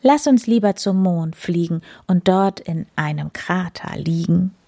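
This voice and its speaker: A woman's voice: fairly low pitch, unhurried, gravelly, warm tone. A woman voicing a small, curious male raccoon in a children's story. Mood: cheerful.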